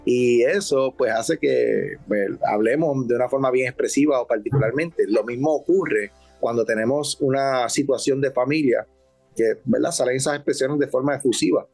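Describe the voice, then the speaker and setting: A man with a Puerto Rican accent, a counselor on a health talk show, explaining in a calm, measured way and often asking for agreement. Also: mid-range voice, faint music behind. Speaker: substance abuse counselor.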